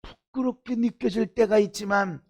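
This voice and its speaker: A middle-aged man preaching a sermon as pastor, firing rhetorical questions at the congregation and swinging from hushed, intimate asides to shouted fervor. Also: high-pitched, fairly even intonation, moderate pace. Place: church sanctuary.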